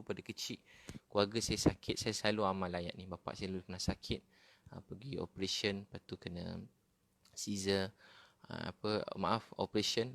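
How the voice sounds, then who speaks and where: A man's voice: fairly low pitch, vocal fry, a bit bright, dry recording. A male Islamic preacher, giving an informal religious talk in a conversational way, often dropping "ha" as a filler. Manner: conversational, peppered with "ha" fillers and repetition.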